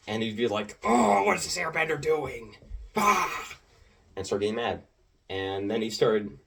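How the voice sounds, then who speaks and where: A teenage boy with a slightly low voice recounts his online matches in a loose, rambling way. He jumps between thoughts, fills gaps with ums and likes, and gets animated as he goes. The mic picks him up from a little distance. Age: teens. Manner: rambling, animated, full of filler words and restarts. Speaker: gaming video creator. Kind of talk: casual storytelling commentary.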